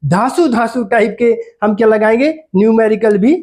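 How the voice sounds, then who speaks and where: A man's voice: sits high, moderate pace, darkish tone. A man teaching a physics lesson, repeating key terms and quizzing his students with questions. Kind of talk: classroom lecture.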